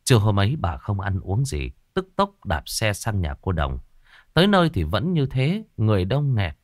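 A man's voice: on the low side, sing-song, normal speed, no room sound, clean studio sound. A man narrating a ghost story in a dramatic storytelling style.

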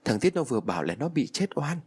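A man's voice: medium pitch, sing-song, fast talker, darkish tone, breathy edge. A man voicing a grieving village mother who wails and pleads for her dead son in a spoken ghost story. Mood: tearful. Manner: wailing, pleading.

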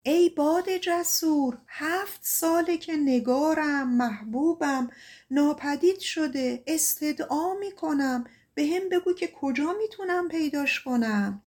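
A woman's voice: sits high, darkish tone, voice pushed up, close to an everyday voice. A woman voicing a brave young male shepherd in a folk tale, pleading earnestly in a raised voice.

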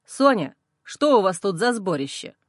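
A woman's voice: medium pitch, big pitch swings, normal speed, no echo, studio quality, pitched below the performer's own voice. A woman voicing a stern, commanding man in an audiobook, speaking in a harsh, metallic tone. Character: stern commanding man, protective older brother.

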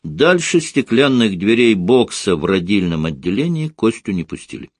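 A man narrating an audiobook in a measured, even storytelling manner. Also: fairly low pitch, dry recording, clean studio sound. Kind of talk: scripted narration.

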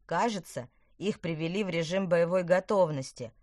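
A woman's voice: lowish voice, normal speed, darkish tone, no echo, clean studio sound, close to an everyday voice. A woman voicing a plucky young schoolboy in a storybook. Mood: eager.

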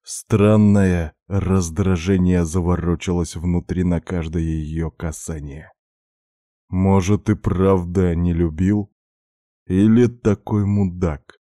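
A man narrating first-person fiction as an audiobook narrator, in a measured, darkly intimate way. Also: low voice, steady tone, dark tone, no room sound, clean studio sound.

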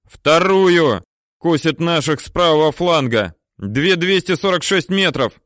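A man voicing a gruff soldier gunner who barks urgent orders in a story reading. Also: fairly high pitch, lively intonation, unhurried, fairly bright tone, no room sound, clean studio sound, pitched above the performer's own voice. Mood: shouting urgently. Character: gunner, a gruff shouting soldier in a cossack unit.

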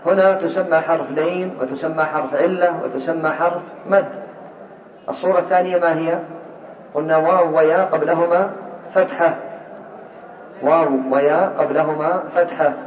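A man teaching Arabic grammar in a classroom lesson, asking students by name and repeating examples slowly. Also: a little high, steady tone. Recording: echoey, distant, muffled lesson recording.

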